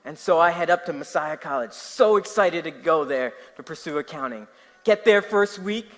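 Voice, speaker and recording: In a recording with long hall reverb, a young New Jersey man with a New Jersey accent gives a sermon. His voice runs on the high side at a moderate pace as he tells lively stories and asks his listeners questions.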